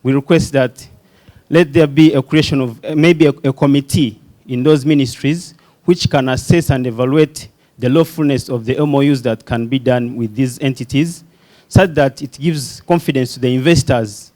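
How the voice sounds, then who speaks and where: A man's voice: mid-range voice, moderate pace, a little mellow. A young man speaking from the floor at a conference, earnest, with some restarts. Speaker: audience member, youth entrepreneur.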